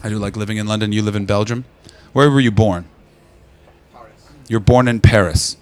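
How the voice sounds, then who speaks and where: A man doing stand-up crowd work, brash and profane, teasing the audience and breaking into loud shouts. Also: lowish voice, steady tone, moderate pace, smooth. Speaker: stand-up comedian. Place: London comedy club.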